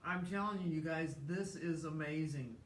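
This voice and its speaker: A woman's voice: sits low, moderate pace. A woman pastor co-hosting a casual cooking livestream, chatty and playful, half-singing nursery rhymes and leading a spoken prayer. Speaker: pastor and co-host. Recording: echoey room with faint background noise.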